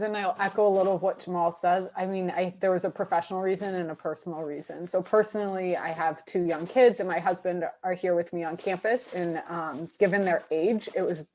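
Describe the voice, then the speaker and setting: Friendly woman panelist, low-pitched. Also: darkish tone. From Portland, Oregon, US. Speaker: panelist, MSx student. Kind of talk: panel answers.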